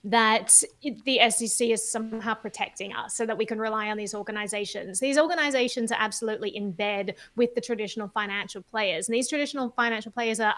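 A woman's voice: on the high side, a bit bright. A woman in a casual panel chat, arguing her opinions emphatically.

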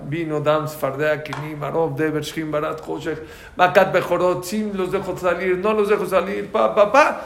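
A man's voice: sits high, vocal fry, echoey room, a little hiss or hum. A man teaching a religious class, telling stories and asking his listeners questions, using Hebrew terms. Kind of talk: storytelling class lecture.

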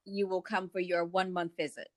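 A woman's voice: on the low side, little pitch movement, a little fast, a crowd in the background. A woman conducting a conversational interview, asking plain questions and follow-ups in an inquisitive way.

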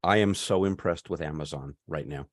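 A man's voice: very deep voice, moderate pace. A man in his fifties co-hosting a podcast, telling a long story in casual chat with many restarts. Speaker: podcast co-host.

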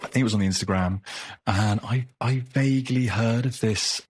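A man's voice: medium pitch, normal speed, a little mellow, breathy edge. A man hosting a podcast, talking in an enthusiastic, effusive way in a casual interview chat. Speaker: podcast host.

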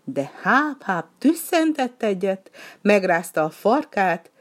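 A woman reading a children's story aloud in a gentle, lively narrating manner with soft, whispery passages. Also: mid-range voice.

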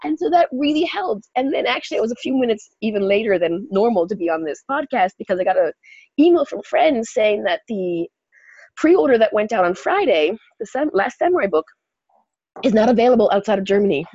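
A woman co-hosting a podcast in casual chat, animated and laughing often. She is sick, and she clears her throat and coughs now and then. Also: medium pitch, brisk, dry recording, lo-fi sound. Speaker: podcast co-host.

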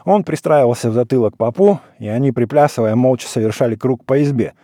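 A man narrating a literary short story in a measured, expressive way. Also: medium pitch, no echo, clean studio sound.

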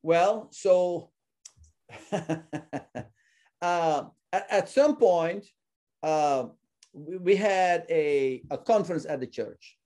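Male guest from Suriname, earnest and halting, fairly high, warm tone. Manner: earnest, often repeats words while searching for them. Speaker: ministry founder, guest. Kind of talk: casual interview talk.

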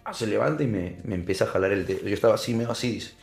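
Podcast guest: young man, low gravelly voice, animated storyteller, faint music behind. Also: rapid-fire. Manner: animated storyteller, addresses listener as brother. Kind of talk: storytelling in casual interview.

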